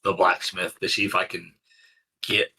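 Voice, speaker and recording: A man's voice: deep voice, level tone, moderate pace, pushed and bright, a little hiss or hum, rough recording. A man playing in a tabletop game, talking hesitantly and rambling with lots of "like". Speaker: player. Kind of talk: casual tabletop play.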